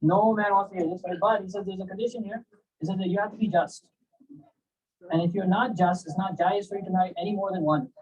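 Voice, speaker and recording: A man giving a casual, animated religious storytelling lecture, often checking in with his listeners. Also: sits high, quick pace, husky, muffled recording. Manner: animated, conversational, asks listeners "right?" and "you know?". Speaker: Islamic lecturer. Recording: distant mic, poor sound quality.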